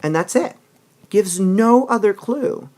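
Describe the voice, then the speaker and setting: A man's voice: high-pitched, expressive, slow, a little mellow. A man teaching a literature lesson, explaining patiently and often checking in with "all right?" between passages he reads aloud.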